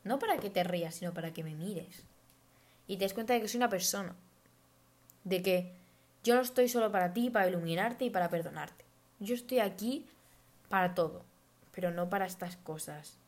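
A woman, hosting a reflective personal monologue in an earnest, thoughtful, advice-giving way. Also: on the low side. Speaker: podcast host.

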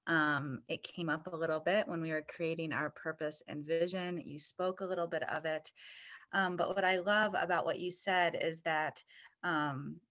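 A woman's voice: deep voice, fairly even intonation, moderate pace, fairly bright tone. A woman earnestly affirming another member's sharing in a church discussion group, with frequent ums. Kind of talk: warm affirming group response.

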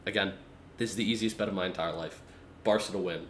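A man co-hosting a casual sports podcast, excitable and teasing, often calling his co-host by name. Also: low-pitched, fast talker, slight background noise. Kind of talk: casual chat. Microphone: video call.

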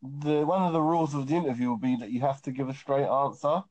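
A man's voice: medium pitch, fairly even intonation, fast talker, a little mellow, no room sound, dull audio. A man chatting casually with friends, teasing and joking. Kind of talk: casual chat.

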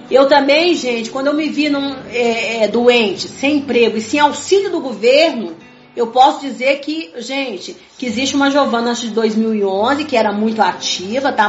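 Over quiet background music, a high-pitched woman shares her faith with emphatic sincerity, returning again and again to the same ideas and addressing her audience as "gente" over and over. It's a casual religious talk, recorded dull and muffled in an echoing room.

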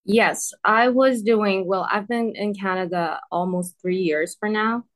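Speaking at a measured pace in a medium, slightly bright voice, an Iranian woman whose native language is Persian answers interview questions as a guest artist. She's hesitant, laughs a lot, and keeps saying "um" and "like".

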